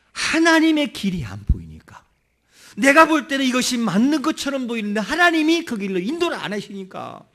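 A man preaching a sermon in an animated way, putting rhetorical questions to his congregation. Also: high voice. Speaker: pastor.

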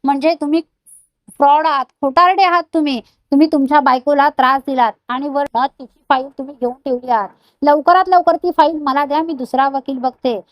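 A woman's voice: high voice, fairly even intonation, a little fast, no echo, natural voice. A woman voicing a bold young woman who speaks firmly and scolds. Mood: angry. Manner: firm, scolding.

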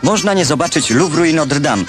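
A man's voice: on the high side, expressive, brisk. A man narrating an old newsreel in a scripted, wry and ironic way, with music behind him. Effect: old newsreel recording.

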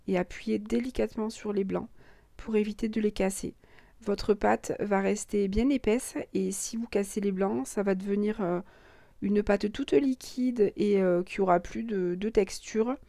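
A hoarse woman who has lost her voice, calmly narrating a recipe step by step as a cooking host. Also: mid-range voice, measured pace, no echo. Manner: calm step-by-step instructions.

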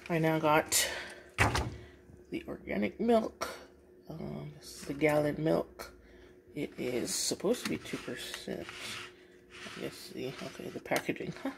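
A woman showing off her grocery haul in a casual vlog from her kitchen, unhurried and pausing often with "um". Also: sits low, animated, vocal fry. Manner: unhurried, with frequent pauses and "um" fillers. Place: home kitchen, indoors. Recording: packaging noise over the voice. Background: crinkling plastic packaging.

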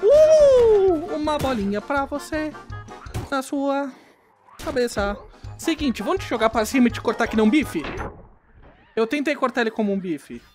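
A woman giving casual, excitable gameplay commentary as a gaming YouTuber, playfully talking back to the characters on screen. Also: high voice, moderate pace, long pauses, faint music behind.

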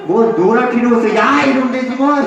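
Guy running a game for old folks, high voice, takes his time, coaxing and joking, far from the mic in a big echoey hall. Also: lively intonation, a crowd in the background. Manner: brisk, coaxing, teasing, counts off cues. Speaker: senior recreation instructor. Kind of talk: leading a group game.

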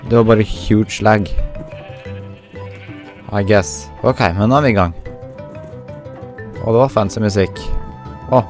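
A young man talks through his gameplay in a chatty, self-mocking way, dropping English slang as he goes. His voice sits fairly low, and soft game music plays quietly behind him. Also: pauses often. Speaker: gaming YouTuber. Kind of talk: casual gameplay commentary. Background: faint game music.

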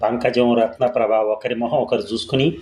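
A man reading a ghost story aloud in a steady, scripted storytelling way. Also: medium pitch, normal speed, roomy sound, rough recording. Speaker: narrator. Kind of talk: scripted audiobook narration.

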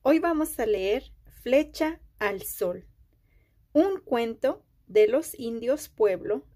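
A woman reading a children's picture book aloud, phrase by phrase with deliberate pauses. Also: fairly high pitch, animated, mellow. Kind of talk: slow read-aloud storytelling for children.

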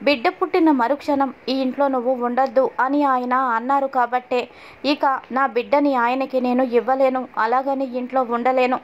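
A woman's voice: high voice, steady tone, moderate pace, natural voice. Woman reading as Krishna, a frightened pregnant wife. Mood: anguished. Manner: pleading first-person lament. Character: anxious pregnant young wife, fearful and tearful. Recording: dull lo-fi audio.

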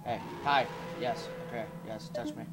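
A man playing a horror game and commenting as he goes, swearing a lot and yelping and shouting when he gets scared. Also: mid-range voice, steady tone, normal speed, background noise. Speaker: gaming YouTuber.

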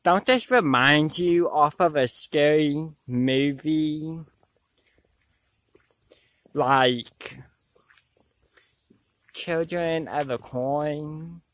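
His voice is a little high and fairly bright, and he talks very slowly with frequent pauses. He's a vlogger in his twenties chatting with "y'all" on a nature trail. A clip-on lapel mic captures him outdoors with no room sound.

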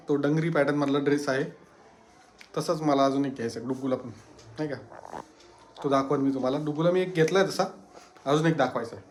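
A man's voice: on the high side, darkish tone, a little hiss or hum. A man hosting a casual family vlog, chatting and teasing while talking straight to his viewers. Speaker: family vlogger host. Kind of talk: casual home vlog chat.

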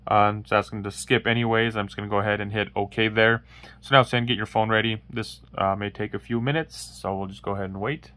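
He talks fast in a fairly low, steady voice that sounds pushed and bright, with no room sound. A tech tutorial host, he gives a casual walkthrough while his hands show a phone on an indoor wooden table. His delivery wanders, with many fillers and restarts.

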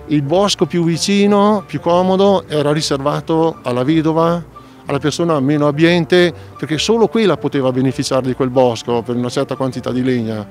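A middle-aged man with a Trentino Italian accent explaining things in a measured way during an outdoor interview by a lake, speaking into a handheld mic. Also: a little high, darkish tone. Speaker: local commons committee representative. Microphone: handheld mic close up.

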